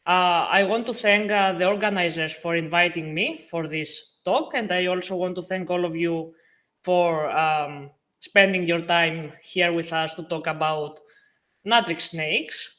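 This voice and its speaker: A young woman from Greece giving a friendly online lecture, pausing often with fillers as she presents over a video call. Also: lowish voice, fairly even intonation, a bit bright. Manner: friendly, with frequent filler pauses. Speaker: guest lecturer.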